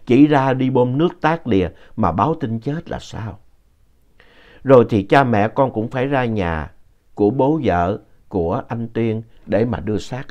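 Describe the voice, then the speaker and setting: A man narrating a ghost story in an unhurried, conversational way, adding explanatory asides. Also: lowish voice, darkish tone. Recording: dull lo-fi audio.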